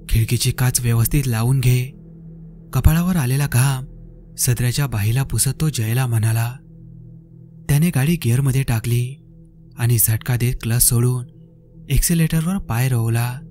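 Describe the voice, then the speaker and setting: A man reads a horror story in a measured, suspenseful way. His tone is mellow and dark, at a middling pitch. Soft music plays faintly behind him. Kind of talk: scripted horror story narration.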